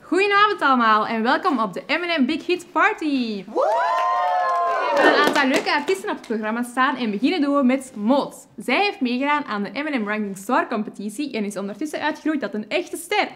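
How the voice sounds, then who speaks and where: An actress with a Flemish accent playing an enthusiastic concert presenter making a stage announcement. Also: female voice, high-pitched, very animated, a little fast. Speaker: event presenter. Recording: loud noise, live venue.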